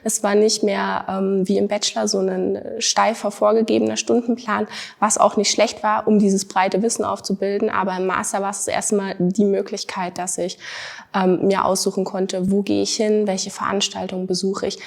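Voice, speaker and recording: A master's student in her twenties from Thuringia, Germany, gives earnest interview answers, often pausing on fillers and repeating words for emphasis. Her voice is medium in pitch, level in tone, and creaky.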